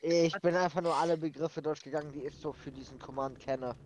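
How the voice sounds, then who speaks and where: A man's voice: a little high, fairly even intonation, fairly quick, noisy background. A man chatting casually with a streamer over a voice chat. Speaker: guest on a gaming voice chat. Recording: dull lo-fi voice chat audio.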